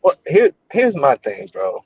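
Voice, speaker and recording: A mid-pitched man chatting casually as co-host, often repeating himself as he finds his point. His sound is dull and a little lo-fi, with faint music behind him. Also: wildly swooping pitch, measured pace, vocal fry, slightly rough. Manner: stumbling restarts, conversational. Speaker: podcast co-host. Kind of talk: casual chat.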